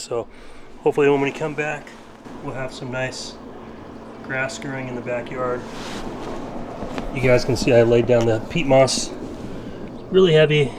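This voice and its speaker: In a mid-range voice with background noise, a car-channel vlogger in his late thirties rambles to his viewers about chores around the house. Filmed in his backyard and garage, the casual vlog is chatty and self-deprecating.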